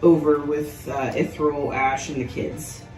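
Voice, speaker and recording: A woman playing a tabletop game, unhurried, laughing often and describing her actions loosely. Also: sits low, little pitch movement, roomy sound, distant mic, over music, low-quality recording. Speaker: player.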